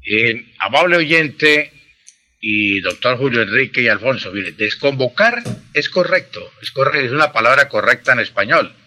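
A man's voice: mid-range voice, lively intonation, normal speed, pushed and bright. A man, explaining pronunciation and grammar in a precise, teacherly way on a radio language segment. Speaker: language expert answering listener questions.

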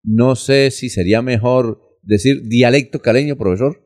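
A man hosting a radio call-in, briskly reading out listener questions and the time. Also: medium pitch, a little mellow. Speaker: radio host.

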